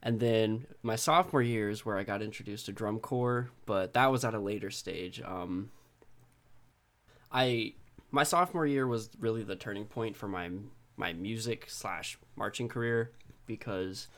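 Young man, from Texas, podcast co-host, lower pitch, casual storytelling, laid-back informal talk. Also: moderate pace, fairly bright tone. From Texas, United States.

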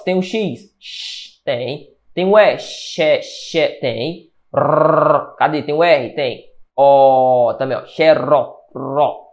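A man from Brazil, teaching Portuguese grammar for an exam and checking in with quick questions. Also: sits high. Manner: energetic, with catchphrases and question-answer checks. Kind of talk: exam-prep lesson.

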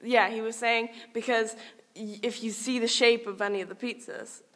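A woman's voice: on the high side, normal speed. Sarcastic young woman co-hosting a podcast. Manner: sarcastic, deadpan jokes. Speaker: podcast co-host. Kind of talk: casual chat.

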